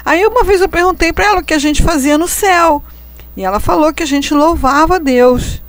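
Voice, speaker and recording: Ironic woman in relaxed talk. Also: high-pitched, brisk, no room sound. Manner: conversational, ironic, laughs at her own jokes. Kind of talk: casual reflective conversation.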